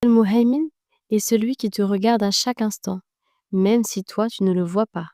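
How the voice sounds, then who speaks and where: A woman narrating a guided meditation in a slow, gentle and soothing way, speaking directly to the listener. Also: mid-range voice, steady tone, no echo, clean studio sound.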